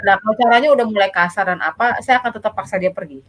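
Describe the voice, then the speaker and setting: A woman's voice: medium pitch, racing, fairly bright tone, poor audio. A woman child psychologist, giving parenting advice in a casual talk and explaining patiently with frequent tag phrases. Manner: explains patiently, keeps repeating "gitu ya".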